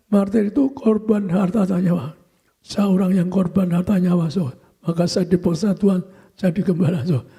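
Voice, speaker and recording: A man's voice: sits high, gravelly, warm tone, breathy edge. An older man, a pastor, preaching a sermon and tagging his phrases with a repeated "so". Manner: repetitive preaching, tags phrases with "so".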